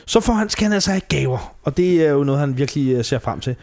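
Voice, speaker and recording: A man's voice: on the high side, expressive, a little mellow. A man hosting a podcast, chatting casually and retelling scenes with quoted lines and frequent laughs. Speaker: podcast host. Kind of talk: casual chat recapping a TV show.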